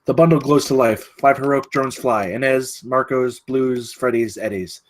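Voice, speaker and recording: A mid-pitched male narrator at a table read speaks at normal speed as he voices the scene headings and stage directions of a screenplay.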